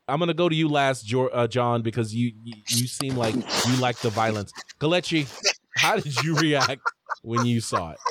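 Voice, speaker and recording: A man's voice: medium pitch, a little hiss or hum. Chatty male sports podcast host. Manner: animated, talks through stories with restarts. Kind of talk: casual sports chat.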